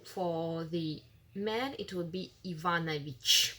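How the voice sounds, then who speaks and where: A woman's voice: on the low side, takes it slowly, pushed and bright. A woman with a Russian accent, a native Russian speaker, teaching a beginner lesson, patiently repeating phrases and explaining them step by step. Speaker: language teacher. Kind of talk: screen-recorded app walkthrough lesson.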